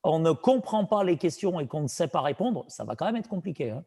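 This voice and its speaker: Man, Saint-Étienne French accent, higher voice, business broker, casual chat, earnest advice-giving. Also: big pitch swings, a little fast, warm tone, slightly rough. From France. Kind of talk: casual conversation.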